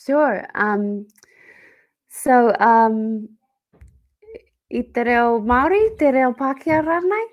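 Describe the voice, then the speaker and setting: A woman's voice: a little high, slow, pauses often, muffled recording. A woman in her thirties with a New Zealand accent, chatting upbeat as an interview guest. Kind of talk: casual interview chat.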